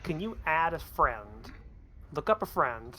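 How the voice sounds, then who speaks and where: A man's voice: a little high, sing-song, unhurried, bright, forceful tone, slight background noise. A man as game master in a voice call, explaining things in a rambling, self-correcting way. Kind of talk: casual game chat. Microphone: voice call microphone.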